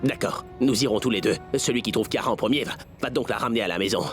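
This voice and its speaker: An actor dubbing an anxious young father hurrying to find his daughter, with music softly underneath. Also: lowish voice, close to an everyday voice. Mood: insistent. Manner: quick, pressing. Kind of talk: French dub of a TV drama. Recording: soft music under dialogue.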